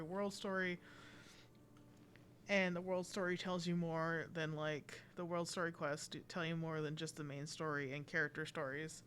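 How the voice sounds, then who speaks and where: A woman streams a game live, chatting casually, rambling and playfully dramatic, with video game music behind her. Her voice sits low and a bit bright, over slight background noise.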